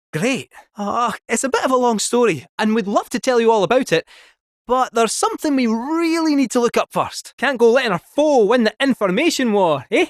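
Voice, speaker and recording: In video game voice acting, a man plays a chatty, scheming male robot cat with a Scottish accent. His delivery is jaunty and theatrical with swooping pitch, recorded at studio quality with no echo.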